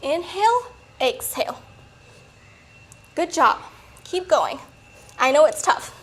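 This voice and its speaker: A woman coaching a workout in a peppy, encouraging manner, a little breathy from exertion. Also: high voice, sing-song, slow pace, fairly bright tone. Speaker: fitness coach. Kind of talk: workout instruction.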